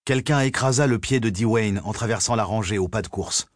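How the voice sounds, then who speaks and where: Low-voiced male thriller audiobook narrator. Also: no room sound, studio quality. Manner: measured, suspenseful reading.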